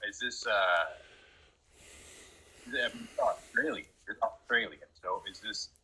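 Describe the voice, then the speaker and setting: Brief: talkative guest, husky tone, energetic and repetitive phrasing. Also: male voice, lowish voice, measured pace, poor audio. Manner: rambling, emphatic, many restarts. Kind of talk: casual conversation.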